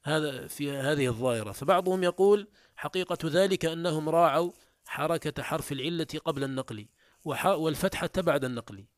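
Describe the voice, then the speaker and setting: A man's voice: on the high side, brisk, no room sound. Dry-sounding man teaching a grammar lesson. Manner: explains step by step, repeats and restarts words.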